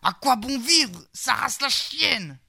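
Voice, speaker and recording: A man's voice: very high-pitched, normal speed, vocal fry, exaggerated voice. Man putting on a cursing hot-headed knight. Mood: cursing rage. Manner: shouted swearing outbursts.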